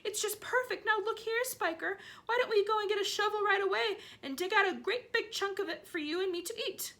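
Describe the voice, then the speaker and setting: Woman reader doing a storybook aunt: greedy, squealing, sharp and bright, all over the place in pitch. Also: moderate pace, heavily acted. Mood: greedy whining. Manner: loud, squealing, excitable. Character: greedy fat shrill middle-aged aunt.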